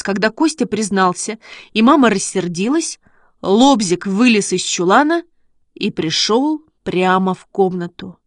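A woman narrating a children's story in a steady, measured reading. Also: mid-range voice, no echo, studio quality. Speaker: audiobook reader.

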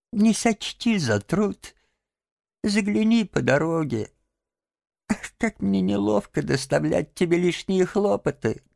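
A man voicing a self-pitying, theatrical male toad in an audiobook, with a creaky, sing-song pleading voice. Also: mid-range voice, no room sound, studio quality, pitched above the performer's own voice. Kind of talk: audiobook character voice.

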